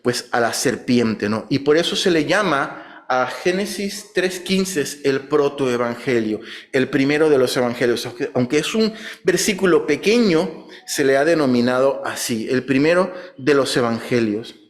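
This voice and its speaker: A man preaching a Sunday sermon in a church. He explains scripture references, asks the congregation questions and acts out biblical speakers with a raised, lively voice. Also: mid-range voice, normal speed.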